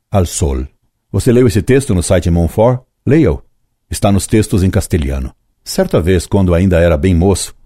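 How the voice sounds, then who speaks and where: Brief: older man in his 70s, very low dark voice, dry close sound, solemn reflective reading. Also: no room sound. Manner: slow, solemn, measured delivery with long pauses. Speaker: history teacher. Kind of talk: reflective scripted narration.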